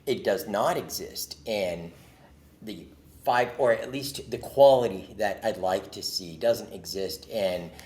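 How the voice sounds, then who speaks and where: A man's voice: on the low side, takes it slowly, darkish tone. A man from Jordan, a native Arabic speaker, answering interview questions with passionate, earnest storytelling. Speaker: guest.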